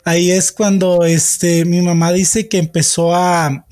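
A man's voice: sits high, level tone, slow, a little mellow, no echo, studio quality. A man telling a personal story in a casual, hesitant way, full of fillers and restarts.

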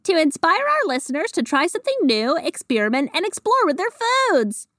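A woman's voice: very high voice, sing-song, normal speed, fairly bright tone, no room sound, heavily acted. A woman playing a cheerful, teasing cohost character on a children's cooking podcast, recorded close in a studio. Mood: upbeat. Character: bright, upbeat female cohost of a kids' cooking show. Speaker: co-host character. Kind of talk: scripted children's podcast acting.

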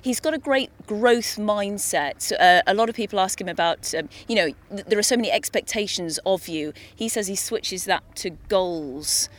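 A woman's voice: mid-range voice, moderate pace, few pauses. A woman hosting a golf broadcast, linking reports and putting questions to studio pundits. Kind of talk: studio sports discussion and scripted links.

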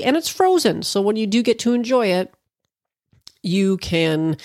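A Canadian woman who vlogs about cannabis cooking rambles casually to her viewers, full of fillers and asides, sounding a bit stuffy from allergies. Her voice is lowish and a little mellow. The recording is dry and studio quality.

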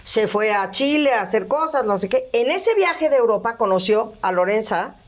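A middle-aged woman from Mexico recounts her early career as a singer, animating each story by acting out the dialogue. Her voice sits somewhat high. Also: moderate pace. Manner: animated, acts out quoted dialogue. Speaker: singer in a vocal group, interview guest. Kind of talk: storytelling in casual interview chat.

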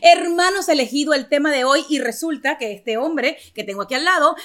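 Woman, high voice, podcast host, playful, teasing, casual chat. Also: fairly quick, fairly bright tone. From Venezuela. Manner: playful, teasing, laughs often.

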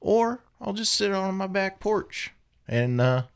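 A man co-hosting a comedy podcast who talks in a halting way, full of "uh" and "you know". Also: high-pitched, very animated, clean tone. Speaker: podcast co-host. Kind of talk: comedic banter.

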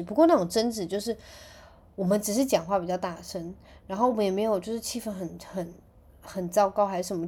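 A woman's voice: mid-range voice, a little mellow, slightly rough. A woman in her thirties hosting a podcast, chatting casually and animatedly as she tells stories about her children. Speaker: podcast host. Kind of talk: casual chat.

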